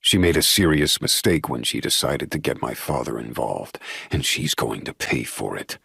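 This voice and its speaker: A man narrating a romance audiobook in the first person, brooding and measured. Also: a bass voice, animated, creaky, bright, forceful tone, slightly rough, no room sound, clean studio sound.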